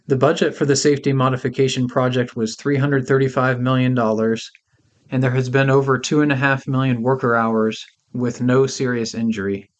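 A man hosting a podcast, reading a scripted introduction in a measured, informational way. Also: medium pitch. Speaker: podcast host.

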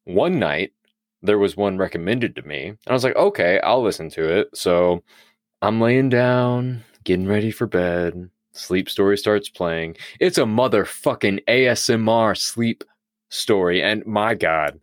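A man's voice: fairly low pitch, a little slow, dry recording, clean studio sound. A man co-hosting a podcast in casual chat, blunt and profane as he tells stories. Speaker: podcast co-host.

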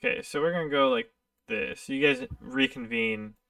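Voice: medium pitch, very animated, normal speed, gravelly, bright, forceful tone, dry recording, studio quality, recorded from a distance. A game master narrating a tabletop game in a casual, filler-heavy way.

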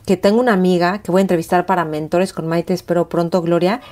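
A woman's voice: on the low side, fast. A woman, hosting a motivational talk and acting out the inner voices she describes. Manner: expressive, acts out inner voices. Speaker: host.

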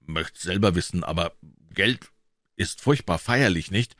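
Audiobook boy: superstitious, trembling with fear, whispering low, read by a man. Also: unhurried, fairly bright tone, no echo, studio quality. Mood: fearful. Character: superstitious, fearful ragged boy. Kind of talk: audiobook character voice.

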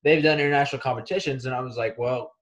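A young college wrestler from Kansas City chats in a relaxed interview, talking very fast in a medium-pitched voice. He rambles with plenty of fillers and restarts.

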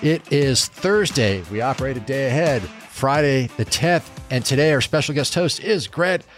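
A man's voice: medium pitch, expressive, normal speed, faint music behind. A middle-aged man hosting a casual local news chat show, upbeat and jokey, with frequent ums. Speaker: show host.

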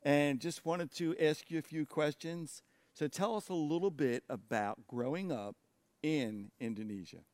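A man's voice: a little high, unhurried, darkish tone, dry recording. Man preaching in a dry room. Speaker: pastor. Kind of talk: sermon and interview.

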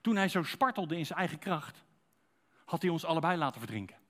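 A man delivering a sermon in a relaxed, conversational way, often turning to the congregation with direct questions. His voice sits a little high for a man, and he keeps an easy, talkative delivery. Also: brisk. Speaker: preacher.

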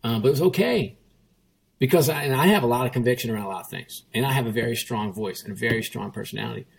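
This man, once a chief executive, is a guest in a relaxed interview, recounting a story at a quick pace. His medium-pitched voice sounds creaky and husky, and he hammers his points home, repeating them and quoting himself and others.

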